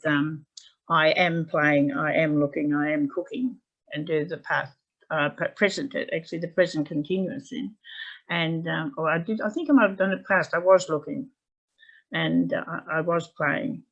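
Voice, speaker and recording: Woman teacher, chatty and meandering, gravelly, dull lo-fi call audio. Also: low voice, normal speed. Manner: chatty, rambling, with fillers and restarts. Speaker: English language teacher presenting. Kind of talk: anecdotal presentation to teachers. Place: home.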